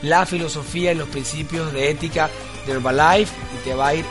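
Over loud music, a man with a highish, steady voice narrates a scripted sales training audio at a brisk pace. As the training host, he's earnest and instructive, building toward an eager introduction.

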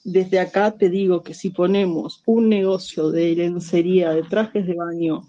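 A woman with an Argentine accent trades crude jokes as a podcast co-host. Her tone is dark and mellow. The recording sounds dull and lo-fi. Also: fairly low pitch, steady tone, a little slow. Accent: Argentine Spanish. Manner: brash, joking, crude. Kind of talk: joking casual chat.

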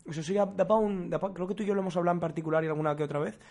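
A man chats as a podcast co-host. He talks very quickly in a slightly raised voice. He jokes around and swears without a second thought. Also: sits high, fairly even intonation, darkish tone. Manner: joking, swears freely. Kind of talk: casual chat.

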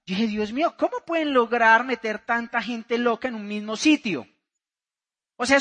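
A motivational speaker from Santander, Colombia, his accent plain as he spins a personal story for the audience. His voice sits very high and rings bright and forceful. He keeps turning to the crowd with questions. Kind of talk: motivational seminar talk to a live audience.

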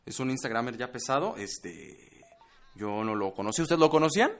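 A man's voice: mid-range voice, expressive, normal speed. A Mexican man hosting a casual podcast, chatty and playful. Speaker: podcast host.

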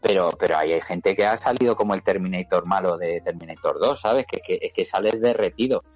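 A man's voice: low-pitched, brisk, darkish tone, lo-fi sound, faint music behind. A man with a Spanish accent, born in Murcia and raised in Madrid, chatting casually on a podcast in a rambling way, repeating his words and swearing now and then. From Murcia, Spain; raised in Madrid. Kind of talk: casual chat.

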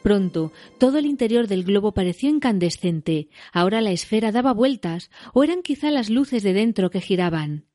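A woman narrates a novel aloud in a measured, dramatic reading. Her voice sits at an ordinary middle pitch, and she lets tense moments land before moving on. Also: lively intonation, warm tone, no echo, studio quality, faint music behind. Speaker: story reader.

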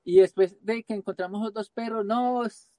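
High-voiced Colombian man telling a story. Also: normal speed, no echo. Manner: lively storyteller, acts out quoted dialogue. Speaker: guest, van traveler. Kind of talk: casual storytelling interview.

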